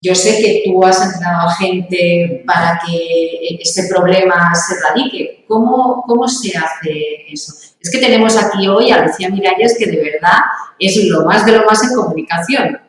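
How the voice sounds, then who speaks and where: A woman's voice: on the low side, normal speed, heavy reverb, distant mic, poor audio. A woman interviewer asking a question and introducing her guest with enthusiasm.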